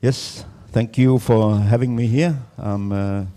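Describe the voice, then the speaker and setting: A farmer from Denmark speaks at a conference in a voice. He talks very slowly and halts often on fillers and restarts. His voice sits low and mellow. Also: steady tone. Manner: hesitant, many fillers and restarts. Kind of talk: conference presentation. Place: conference room.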